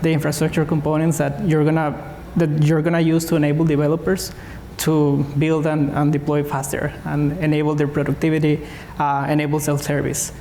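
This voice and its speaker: A man from Costa Rica on a conference panel, explaining in a relaxed way with frequent "you know". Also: fairly high pitch, brisk, a little hiss or hum. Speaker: senior DevOps engineer, panelist. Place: conference stage. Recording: hall reverb with faint ambience.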